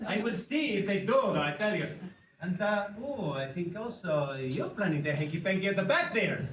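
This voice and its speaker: A man playing a flirty, cheeky Spanish gentleman with a Spanish accent. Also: high voice, lively intonation, normal speed. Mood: playful. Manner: playful, teasing, broken English. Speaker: actor warming up the audience. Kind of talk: stage performance with audience interaction. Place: theatre auditorium. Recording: roomy theatre recording from far off, with hall noise.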